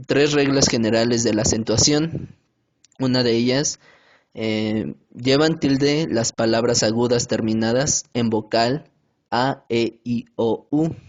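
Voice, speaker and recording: A man reading a grammar lesson aloud in a slow, careful way, with some hesitations. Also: medium pitch. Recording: dull lo-fi home recording.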